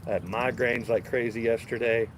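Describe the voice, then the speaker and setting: This man's medium-pitched voice stays steady at a normal speed, with a little hiss or hum on the audio. He's congested from a cold and rambles easily to his chat, live streaming outdoors in his backyard garden while holding his phone camera and walking.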